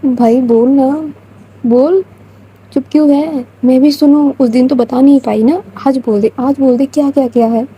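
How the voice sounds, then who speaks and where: A woman's voice: high-pitched, steady tone, moderate pace, husky, muffled recording. A woman voicing a cheeky young woman who playfully nags her friend for gossip in a spoken story. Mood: teasing. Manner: nagging, playful prodding.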